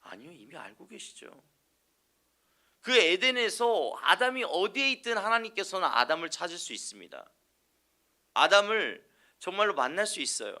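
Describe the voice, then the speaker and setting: A man preaching at an early morning service in a bright, ringing voice that sits a bit high for a man. His pitch swings widely as he poses questions to the congregation and answers them. The delivery is earnest and emphatic. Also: very animated, normal speed. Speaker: evangelist. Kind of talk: sermon.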